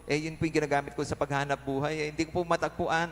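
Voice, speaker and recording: A man's voice: flat delivery, big-room sound, a little hiss or hum, close to an everyday voice. A priest voicing a tearful, pleading seamstress woman in a church homily. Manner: high, pleading, fast.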